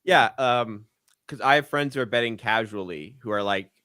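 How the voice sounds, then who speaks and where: A man in his twenties hosts a sports betting podcast in a medium-pitched, sharp voice at a moderate pace, recorded in clean studio quality with no room sound. He's easygoing and full of fillers as he chats and reads listener questions.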